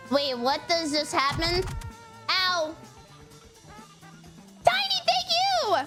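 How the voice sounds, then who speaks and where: A woman streamer chatting casually with her viewers, giggly and excitable, laughing often and thanking donors. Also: very high voice, very slow, music in the background. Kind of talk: casual live-stream chat.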